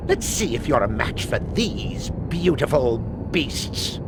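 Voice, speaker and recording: An actor playing a treacherous, mocking wizard professor in a video game, with a sneering, theatrical delivery over loud music. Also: male voice, medium pitch, big pitch swings, slow, heavy background noise. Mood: mocking, gloating. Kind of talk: video game villain voice acting.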